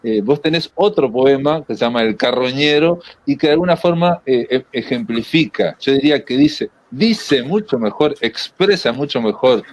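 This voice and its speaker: A man with a Rioplatense Spanish accent and a mid-pitched voice hosts a literary talk. He speaks conversationally and discursively, feeling his way through each thought and rephrasing as he goes. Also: animated. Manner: halting, discursive, rephrases often. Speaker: interviewer and event moderator.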